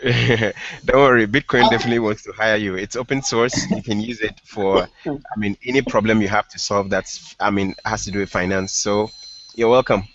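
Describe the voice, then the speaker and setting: Laid-back low-voiced man on a lo-fi call. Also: moderate pace. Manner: relaxed, laughs often, hesitant fillers. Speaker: startup founder guest. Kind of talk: casual online discussion. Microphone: headphones with mic on a call. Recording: dull lo-fi online call audio.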